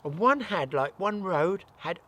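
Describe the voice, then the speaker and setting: Older British host, chatty and self-mocking, voice sitting a bit high, easygoing outdoor vlog talk. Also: male voice, lively intonation, measured pace, sharp tone. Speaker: channel host. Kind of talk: casual outdoor chat. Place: off-grid forest cabin.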